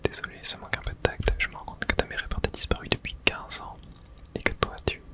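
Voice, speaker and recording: In an ASMR video game playthrough, a person reads the dialogue aloud in a hushed, unvoiced whisper. They talk fast.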